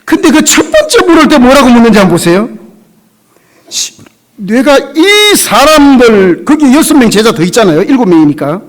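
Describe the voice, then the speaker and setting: Middle-aged male pastor, revival sermon, conversational and emotional, very high, swooping voice. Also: very animated, normal speed. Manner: emotional, conversational preaching with sudden drops to a hush. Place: church sanctuary.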